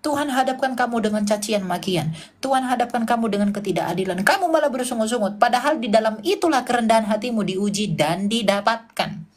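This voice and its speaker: Husky woman preaching emphatically. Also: on the high side, expressive, brisk. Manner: emphatic, repetitive exhortation that often drops to a hushed tone. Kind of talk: preaching-style answers in a live Q&A.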